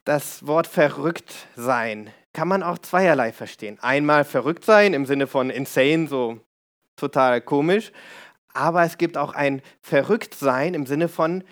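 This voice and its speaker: A man's voice: a little high, unhurried, hardly any pauses. A man with a slightly raised voice delivers a storytelling sermon. He explains things in a conversational way and turns to his listeners with small asides.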